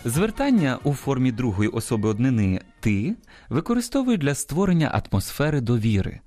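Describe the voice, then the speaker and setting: A man's voice: mid-range voice, sing-song, a little fast, over music. A man presenting a scripted radio talk on language, explaining carefully and stressing the example words. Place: radio studio.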